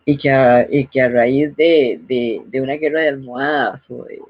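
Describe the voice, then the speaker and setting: A woman's voice: extremely low pitch, steady tone, normal speed, no room sound. A middle-aged woman hosting a parenting advice talk in a didactic way, now and then acting out scolding parents. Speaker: host. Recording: dull, lo-fi dry recording.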